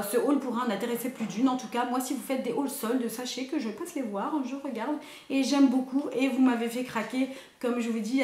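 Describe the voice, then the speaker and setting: A woman's voice: fairly high pitch, a little mellow, echoey room. A young woman, chatting in a rambling way with many hesitations as a beauty vlogger, recorded indoors on a camera mic. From Belgium. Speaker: beauty youtuber. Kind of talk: casual haul vlog.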